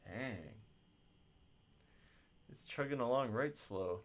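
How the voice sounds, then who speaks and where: A man works through physics questions on a livestream in a loose, conversational way. His pitch rises and falls a lot, and he thinks aloud and grumbles to himself as he goes. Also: animated, takes it slowly. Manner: chatty, muttering to himself about the stream. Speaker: physics instructor. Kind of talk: casual livestream tutoring.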